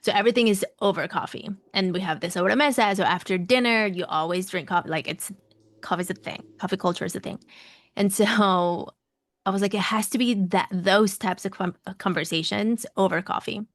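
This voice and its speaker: A woman's voice: mid-range voice, fairly quick, no echo. Mexican-accented woman, close dry sound. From Mexico City, Mexico. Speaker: podcast guest, coach and podcaster. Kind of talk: conversational personal storytelling in an interview.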